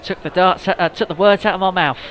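Guy doing live darts commentary, slightly high voice, measured and informative. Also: fairly even intonation, fairly bright tone, a little hiss or hum.

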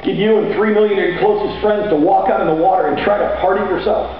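A middle-aged man preaching a sermon on stage with a handheld mic, energetic and sometimes shouting as he paces. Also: high-pitched, fast. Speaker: pastor. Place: large hall stage with band gear, seen from far off. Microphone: handheld mic, far camera. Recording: echoey hall from far off, dull audio, faint noise.

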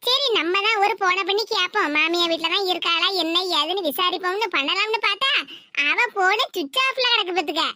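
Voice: very high voice, brisk, sharp tone, no echo, studio quality, pitched below the performer's own voice, exaggerated voice. A performer voicing a weary, resigned older mother with a Tirunelveli Tamil accent, speaking plaintively in a cartoon. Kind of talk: cartoon voice acting.

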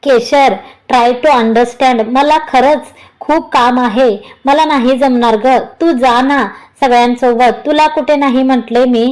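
A woman's voice: high voice, fairly even intonation, darkish tone, poor audio. A woman voicing a playful young husband who teases his wife in a storybook reading. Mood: pleading. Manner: teasing, unhurried.

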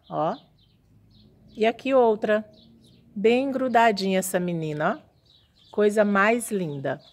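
Chatty woman touring her orchid house. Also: medium pitch. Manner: chatty, admiring, showing plants to viewers. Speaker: orchid grower vlogger. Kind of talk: casual walking tour narration.

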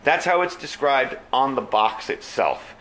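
Man, mid-pitched, casual reviewer, plainspoken with fillers, faint room noise. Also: lively intonation, measured pace, fairly bright tone. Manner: easygoing, plainspoken, frequent fillers. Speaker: knife reviewer.

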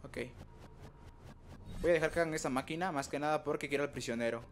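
A young man doing live gameplay commentary, excitable, trash-talking opponents and letting out sudden high yelps. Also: fast, slight background noise. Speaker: gaming streamer.

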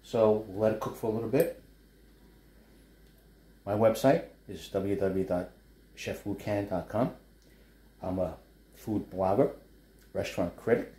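A New York man in his fifties, a chef and food blogger, stirs a wok at home and chats casually about his cooking and small business, rambling into asides. His lowish, warm voice moves at a measured pace with long pauses, and the indoor living-room kitchen gives a roomy home sound.

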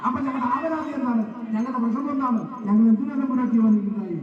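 A very high, quick voice of a fussy villager played by a man in comic folk drama, declaiming repetitive petitions. The sound is dull and very echoey, far from the mic. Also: noisy background. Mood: pleading. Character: fussy, fast-talking villager petitioning the oracle with grievances. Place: live folk stage performance.

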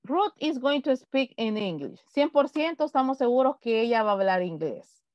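Woman teacher, unhurried and slightly high, dry dull video-call sound. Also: lively intonation, dry recording. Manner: patient, repeats example sentences slowly. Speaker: English teacher. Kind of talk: online class instruction.

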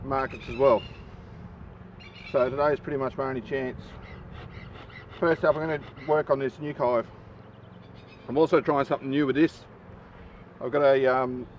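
A hobby beekeeper with a mid-range voice works his hives in a backyard apiary, chatting in a relaxed how-to vlog peppered with ums. The outdoor camera audio is slightly dull with faint noise, and a neighbour's lawnmower drones in the background.

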